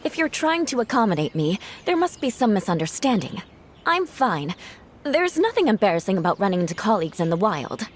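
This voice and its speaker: A woman's voice: mid-range voice, very animated, fairly quick, slight background noise, lightly acted. Eula, a woman doing a cool aloof knight. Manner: cool, formal, slightly irritated. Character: proud, aloof young woman knight captain. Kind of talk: video game voice acting. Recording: game audio with faint music.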